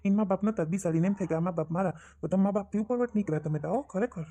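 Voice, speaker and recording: Guy doing a fed-up kathiawadi son snapping back at his mom, fast talker, mellow tone. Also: high voice. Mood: indignant. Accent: Kathiawadi Gujarati. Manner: indignant, sarcastic, rapid arguing. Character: exasperated grown son arguing with his mother. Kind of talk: family comedy skit.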